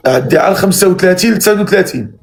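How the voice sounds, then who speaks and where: Moroccan man, high-pitched, fast-talking live host calling on viewers, faint noise behind. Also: expressive, creaky. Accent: Moroccan Arabic. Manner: brisk, directing callers. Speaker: live matchmaking show host. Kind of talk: casual live-stream hosting.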